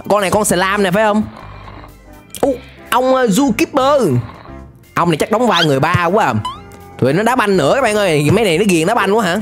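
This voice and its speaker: Animated female reaction host, lively chatty commentary, music under her. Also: medium pitch, brisk, long pauses. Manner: lively, exclaiming, addresses viewers often. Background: video music.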